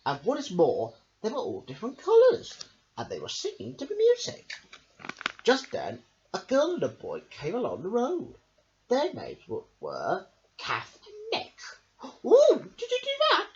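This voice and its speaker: Reading a children's picture book aloud, a man uses a hugely animated sing-song voice that leaps up and down from a middling pitch, tossing in casual asides. He keeps a measured pace. The home recording sounds dull and lo-fi.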